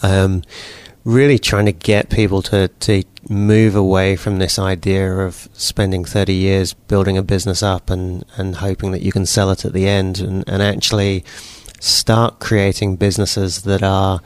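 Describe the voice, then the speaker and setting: On a dry recording, a low-voiced man in his forties, originally from New Zealand but with a British accent, talks at a normal pace as a guest entrepreneur. His interview answers are relaxed and casual, full of repeated words and frequent restarts.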